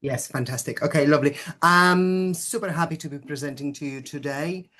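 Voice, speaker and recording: A man's voice: fairly high pitch, moderate pace, sharp tone. A man giving an upbeat sales presentation over a video call, with audio that breaks up at times and a lot of glowing adjectives. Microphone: computer mic on a video call.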